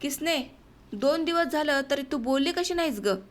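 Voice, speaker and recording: An enraged young village husband, read by a woman narrator, spits out bitter, shouting outbursts. The voice sits high for a man and stays clearly within a spoken storybook reading. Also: expressive, moderate pace. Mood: furious.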